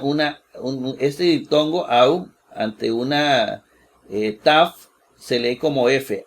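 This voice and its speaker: A man teaching a Bible lesson, slow and deliberate, repeating each word several times and asking if listeners follow. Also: mid-range voice. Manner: asks "¿verdad?" to check listeners follow. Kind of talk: slow screen-share lesson.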